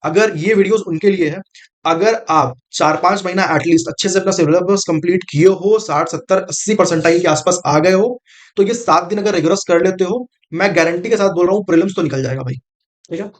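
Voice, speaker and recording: Fast-talking exam-prep coach. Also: male voice, high-pitched. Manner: direct, repeats points, calls listener brother. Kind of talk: casual coaching talk to camera.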